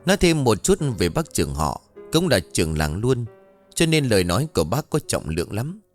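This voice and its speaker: A man narrating a ghost story in an expressive, animated way. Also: lowish voice, fairly quick, soft background music.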